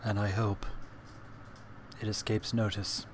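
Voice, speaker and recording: A man voicing an exhausted, guilt-ridden elderly scientist in a tabletop game, halting and laboring to speak like a weary old man. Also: on the low side, little pitch movement, a little hiss or hum. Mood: grave, exhausted. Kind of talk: acted diary recording in tabletop game.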